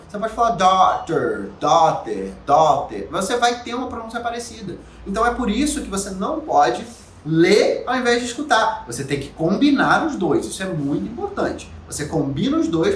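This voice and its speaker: Animated Brazilian teacher in an echoey room. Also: male voice, high-pitched, slight background noise. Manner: animated, rhetorical questions, plays the viewer's objections. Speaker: English teacher. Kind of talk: YouTube lesson to camera. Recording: echoey room, mic at a distance.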